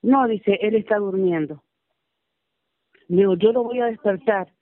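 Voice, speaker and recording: A woman's voice: mid-range voice, a little slow, no echo. A middle-aged woman calling in, recounting events in an anguished, pleading way. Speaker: caller recounting her son's arrest. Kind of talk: phone-in testimony. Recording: tinny phone line on radio.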